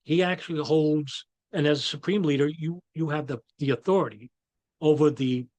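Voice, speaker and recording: A man's voice: on the high side, normal speed, a little mellow, no room sound. A man with a New York accent giving his own views in a rambling monologue, full of restarts and fillers. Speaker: commentator. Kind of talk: casual monologue.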